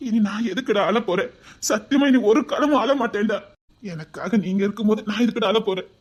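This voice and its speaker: A woman's voice: mid-range voice, brisk, dull audio, close to an everyday voice. A woman playing a lonely, remorseful village uncle with a Tirunelveli accent, talking in an emotional, pleading, tearful way in a web drama. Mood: tender. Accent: Tirunelveli Tamil.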